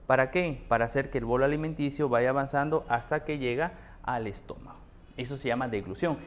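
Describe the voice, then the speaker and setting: A man teaching an anatomy class, patiently repeating key terms and asking rhetorical questions. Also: medium pitch. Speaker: anatomy tutor. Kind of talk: explanatory class lecture.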